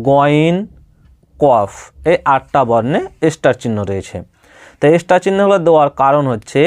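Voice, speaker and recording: A man's voice: medium pitch, darkish tone, no echo. A man teaching how to sound out Arabic letters. He speaks patiently, repeats each letter and puts questions to the listener. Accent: Bengali. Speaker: Quran reading teacher. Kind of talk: step-by-step spoken lesson.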